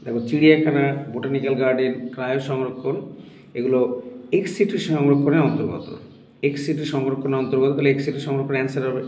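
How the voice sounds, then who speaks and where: A man's voice: medium pitch, fairly even intonation, fast talker, darkish tone. A male tutor solving a science test paper for students, explaining each answer step by step and often checking that they follow. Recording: echoey room.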